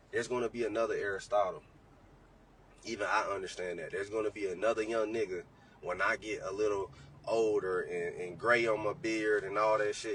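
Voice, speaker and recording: In a lowish, fairly bright voice, a man in his late twenties appears as a trading-educator guest on a casual podcast. He's crude and direct, pushing lessons learned the hard way, and the distant mic picks up faint background noise.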